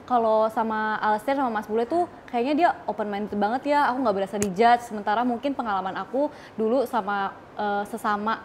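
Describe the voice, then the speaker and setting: Chatty woman with a fairly high voice. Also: a little fast, a little hiss or hum. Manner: lively storytelling, switching into English. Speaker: guest. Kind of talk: casual interview chat.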